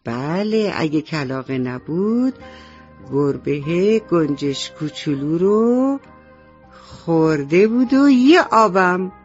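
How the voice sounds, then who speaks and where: A woman's voice: on the low side, lively intonation, a little mellow, close to an everyday voice. A woman storyteller voicing a kindly old grandmother in a children's radio story, crying out in alarm, on a slightly muffled radio recording with faint music behind. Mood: agreeing.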